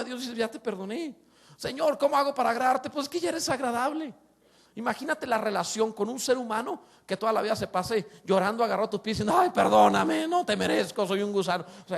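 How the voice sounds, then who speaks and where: A middle-aged man preaching a sermon as pastor, lively, asking rhetorical questions and slipping in humorous asides. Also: very high-pitched, gravelly.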